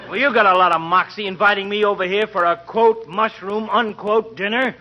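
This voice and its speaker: Bombastic middle-aged doctor, played by a man, sarcastic and florid, fairly high voice, muffled old radio comedy. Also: steady tone, fairly quick, some chatter behind, slight background noise, natural voice. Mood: outraged. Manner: pompous, wordy, sarcastic. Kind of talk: 1940s radio comedy acting.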